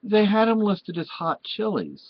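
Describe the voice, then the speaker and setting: A man's voice: sits high, wildly swooping pitch, a little slow, no room sound, muffled recording. Rambling Spanish-born man vlogging. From Spain. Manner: rambling, meandering and self-correcting. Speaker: vlog host. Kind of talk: casual rambling chat to camera.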